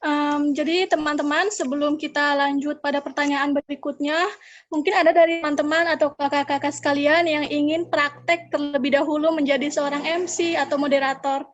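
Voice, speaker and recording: A woman's voice: high voice, level tone, brisk, muffled recording. A woman moderating a training session in a polite, formal manner.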